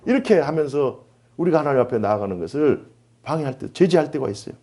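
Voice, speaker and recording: A man's voice: fairly high pitch, animated, quick pace, dark tone. A man preaching a sermon as pastor in a church, driving his points home with repeated, building phrases. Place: church sanctuary.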